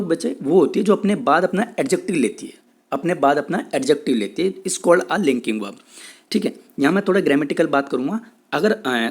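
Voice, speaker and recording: A man with an Indian English accent teaching exam vocabulary in a Hindi-English lecture, repeating himself often and saying English definitions slowly. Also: a little high. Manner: repetitive, checks in with "theek hai", says English definitions slowly.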